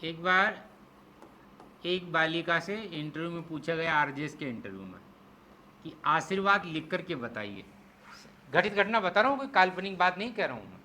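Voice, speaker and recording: Bright-voiced male Hindi teacher. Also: on the high side, very animated, a little hiss or hum. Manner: explains step by step, asks the class "clear?"; slows down and spells out syllables to teach pronunciation. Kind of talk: exam-prep lecture.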